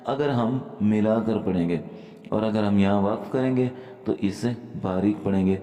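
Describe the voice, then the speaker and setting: Dark-voiced man teaching recitation, echoey room. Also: lowish voice. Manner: explains step by step, then recites verses slowly and drawn out. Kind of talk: Quran pronunciation lesson. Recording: echoey room with long reverb.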